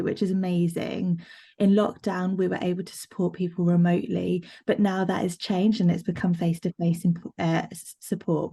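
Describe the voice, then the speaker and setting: A woman sign language interpreter speaks as a live voice-over for a signed talk, rendering it in first person as it happens. Her voice sits a little low and sounds soft and mellow, steady with fillers and restarts, over a video call. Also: vocal fry, husky. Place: online video meeting.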